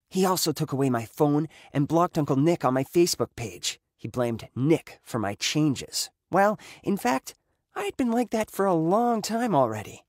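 A man's voice: mid-range voice, husky, no room sound, clean studio sound. A young adult man reading a scripted first-person story with emotive delivery that rises on dramatic moments. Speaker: story narrator.

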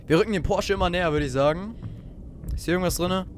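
A man's voice: high voice, fast talker, slight background noise. A teenage boy playing a horror game and joking nervously to his viewers, with faint game ambience behind him. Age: teens. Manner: nervous, joking, talks to viewers, sudden shouts. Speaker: let's play gamer. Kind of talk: horror let's play commentary.

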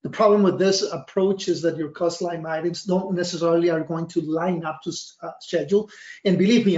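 Explaining his slides in a wordy, halting way with emphatic stresses, a middle-aged Costa Rican consultant and risk analysis trainer, Spanish being his first language, delivers a semi-scripted presentation. His voice sits high and is a little mellow, recorded by a webcam in a small office that leaves it dull and roomy.

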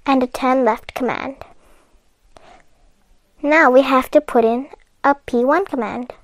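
With a high-pitched voice and fairly even intonation, this woman narrates a step-by-step walkthrough of a coding puzzle game at a measured pace. She's a coding tutorial host, chatty and patient, who laughs off her mistakes. There's no echo on the audio.

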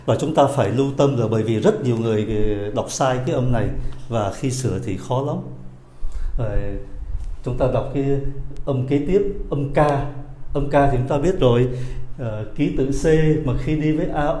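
A man teaching a pronunciation lesson, stretching out model words slowly between quicker explanations. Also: medium pitch, mellow, reverberant. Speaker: French teacher.

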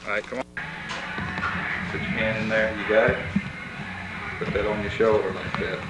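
A man's voice: fairly low pitch, steady tone, moderate pace, loud music behind the voice, poor audio. A man, chatting casually and explaining things step by step, heard through old camcorder audio. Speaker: family member filming home movies. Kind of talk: casual home video chatter. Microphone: built-in camcorder mic.

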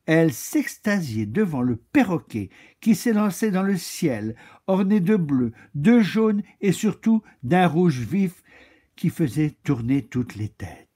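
A man reading a children's story aloud in a slow, expressive way. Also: a little high, breathy edge.

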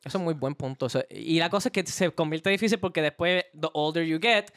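A man's voice: on the high side, fast, fairly bright tone. A young man with a Puerto Rican Spanish accent, a podcast guest talking in laid-back, slangy casual chat that slips into English. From Puerto Rico.

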